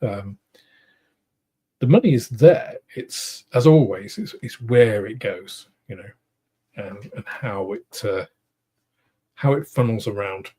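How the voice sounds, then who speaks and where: A middle-aged man with a British accent, hosting a casual livestream, answering viewers in a rambling, thoughtful way with many pauses and restarts. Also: lowish voice, lively intonation, dark tone, breathy edge. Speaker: host of a model-making livestream. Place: home studio room.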